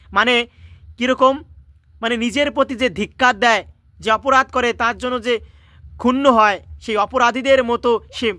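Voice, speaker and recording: A man teaching a class, with a fairly high and bright voice. He reads a story aloud, breaks off to explain its harder words and restates each line in everyday speech. The sound is close and dry. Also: no room sound. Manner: stops often to explain words and restate lines. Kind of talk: reading and explaining a story in a lesson.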